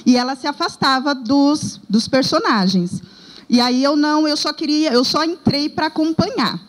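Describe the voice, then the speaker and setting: A woman's voice: sits high, normal speed, poor audio. Earnest Brazilian woman telling a story. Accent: Brazilian Portuguese. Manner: earnest storytelling, reenacting dialogue. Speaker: daycare director. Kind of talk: recounting a classroom experience.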